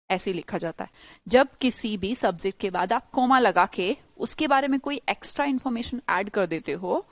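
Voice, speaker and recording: Woman from India, grammar teacher, live class, lively and teasing, fairly high voice, dry close sound. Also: no echo. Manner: lively, teasing questions to students, repeats points. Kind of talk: live online class, explaining in Hindi.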